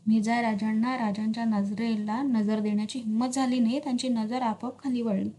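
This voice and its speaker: A woman narrator reading a historical novel aloud in a steady, dramatic storytelling manner. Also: on the high side, fairly quick.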